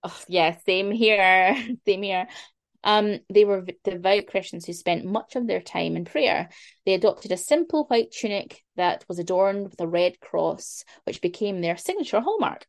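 A woman's voice: mid-range voice, animated, unhurried. A young woman co-hosting a podcast, reading history notes in casual chat, swearing and stumbling over long words. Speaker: podcast co-host.

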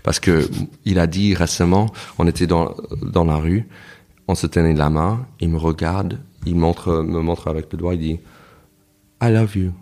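A man from the United States talks through his experiences in a very low voice, his French carrying an American accent. He tells stories in a reflective, halting way, often stopping and restarting his sentences as an interview guest. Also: steady tone, mellow. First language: English. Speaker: guest, author. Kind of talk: casual interview conversation.

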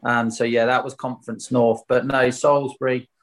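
A man's voice: mid-range voice, little pitch movement, normal speed. A man from Swindon with a Wiltshire accent, a former footballer telling stories in a casual interview, candid, colloquial and questioning himself. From Swindon, England. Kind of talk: casual anecdotal interview chat.

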